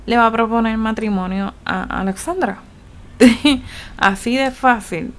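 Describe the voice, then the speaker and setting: A woman's voice: on the high side, unhurried, a little hiss or hum. A woman with a Puerto Rican Spanish accent giving casual, chatty gameplay commentary, laughing often and voicing her game characters. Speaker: gaming YouTuber.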